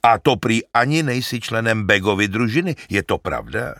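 A man voicing a talkative, excitable old male shepherd in an audiobook, loud and emphatic. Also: fairly low pitch, no echo, clean studio sound, voice pushed up. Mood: eager. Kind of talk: audiobook character reading.

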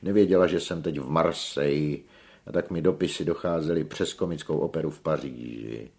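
A man reading a story aloud, voicing a flamboyant, self-important male opera singer in a loud, theatrical way. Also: a bass voice. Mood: pompous. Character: flamboyant vain male opera tenor, grand.

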